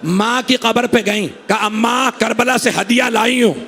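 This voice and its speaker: A man's voice: very high voice, unhurried, pushed and bright, breathy edge. A male cleric delivering a Muharram mourning sermon in an imambargah hall, telling the story in a grief-laden, mourning tone.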